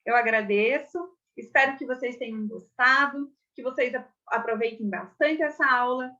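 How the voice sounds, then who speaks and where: A young adult Brazilian woman teaching a casual theater lesson, chatty and expressive, often checking in with her listeners. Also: a little high, moderate pace. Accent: Brazilian Portuguese. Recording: slightly dull lo-fi audio.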